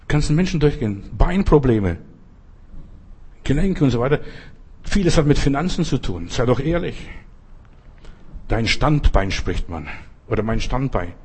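A man's voice: mid-range voice, a little mellow, breathy edge. A man preaching a sermon, addressing listeners directly with many pointed rhetorical questions.

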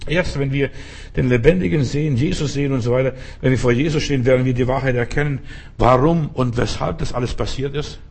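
A man's voice: mid-range voice, fast, creaky, a little mellow, slightly rough. A man preaching a sermon in a storytelling way, talking straight to his listeners and often asking whether they follow. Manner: storytelling, addresses listeners directly, frequent rhetorical questions.

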